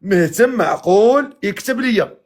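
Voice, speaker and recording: High-pitched moroccan guy running a live matchmaking stream, teasing, brisk. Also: lively intonation. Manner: brisk, teasing, calls out to viewers. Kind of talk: casual live-stream chat. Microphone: live video stream.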